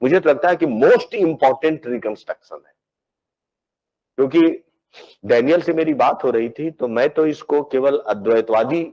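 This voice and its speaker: The man, a philosophy professor, delivers a careful academic lecture in stages, frequently repeating words as he finds his phrasing and using English technical vocabulary. He has a mid-range, darkish voice captured with lo-fi sound.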